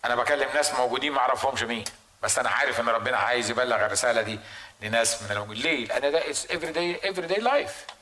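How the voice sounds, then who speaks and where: Man, egyptian arabic accent, preaching, rhetorical questions, bright forceful voice, echoey room. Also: medium pitch, very fast. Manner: lively, acts out dilemmas with rhetorical questions. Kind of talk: sermon.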